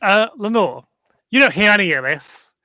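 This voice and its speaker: A game master narrating a tabletop role-playing game in slow, deliberate bursts with frequent pauses and fillers. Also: mid-range voice, animated, bright, forceful tone, dry recording, studio quality.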